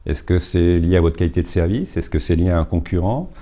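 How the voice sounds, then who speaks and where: A man's voice: deep voice, a little fast, warm tone. A man giving an informal business coaching talk, explaining step by step with many fillers and repeated words.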